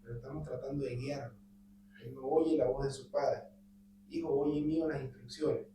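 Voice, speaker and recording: A man's voice: mid-range voice, fairly even intonation, normal speed, dark tone. A man in a Bible study talks animatedly about raising his son, acting out their exchanges. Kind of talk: conversational testimony. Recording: roomy, distant mic with faint hum.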